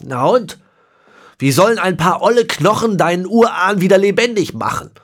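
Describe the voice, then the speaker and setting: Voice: mid-range voice, moderate pace, voice pushed up, natural voice. A reader voicing a sullen, scornful teenage boy in a raised, sneering voice, from an audiobook.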